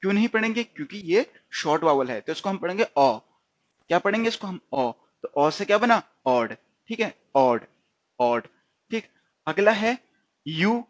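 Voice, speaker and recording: This stenography teacher's voice sits high and sounds animated, moving at a moderate pace. The tutorial is a dull lo-fi recording, and he keeps repeating words, testing himself, and dropping in "theek hai".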